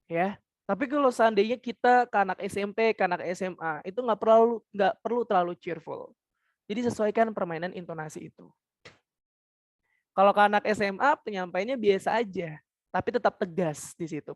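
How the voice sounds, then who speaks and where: A young woman leads a public speaking webinar in a lively, teacherly manner, firing questions at her audience and singing scales to show intonation. Her voice sits at a medium pitch and is recorded dry and close, with no room sound. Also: no room sound. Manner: animated, addresses listeners directly with questions. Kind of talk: webinar talk.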